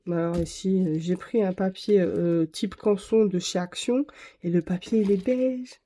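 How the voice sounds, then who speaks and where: A woman's voice: on the low side, fairly even intonation, measured pace, mellow. A woman vlogger chatting casually to camera, rambling and correcting herself as she shows her art supplies. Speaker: craft vlogger.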